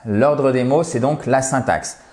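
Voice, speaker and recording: A man's voice: medium pitch, measured pace, a little mellow. Man with a cold teaching in an echoey room. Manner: chatty and emphatic, checks in with "d'accord?". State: has a cold. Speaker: English teacher. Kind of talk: casual spoken lesson to camera.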